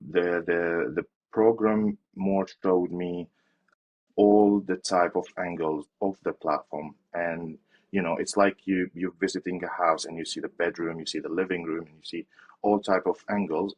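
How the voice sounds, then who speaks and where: Very deep husky man from Syria. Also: low-quality recording. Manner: hesitant, with fillers and restarts. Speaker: interview guest. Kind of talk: casual interview answers.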